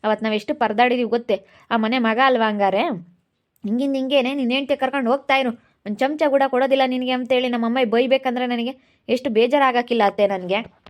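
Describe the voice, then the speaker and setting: A woman's voice: fairly high pitch, fairly even intonation, quick pace, close to an everyday voice. Woman doing a young village guy, fed up and hurt, keeps complaining. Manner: complaining, aggrieved, repeats the same grievance. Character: aggrieved young village husband and son. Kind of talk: amateur village drama acting.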